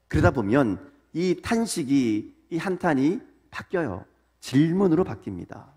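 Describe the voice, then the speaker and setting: A man's voice: mid-range voice, a little mellow. A man, the pastor, giving a conversational sermon in a church, now and then acting out a lamenting prayer. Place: church sanctuary.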